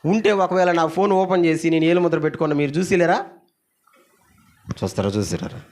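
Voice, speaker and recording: A middle-aged man preaching a Sunday sermon, calling out to the congregation for responses, firing off rhetorical questions and swinging between loud exclamations and low asides. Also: fairly quick. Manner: asks the audience many rhetorical questions. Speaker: pastor.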